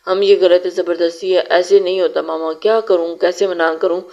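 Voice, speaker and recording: A woman reading a stubborn, dreamy young heroine in an audio novel, whiny and insistent, lifted a touch higher and louder than the narration. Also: steady tone, normal speed, muffled recording, lightly acted.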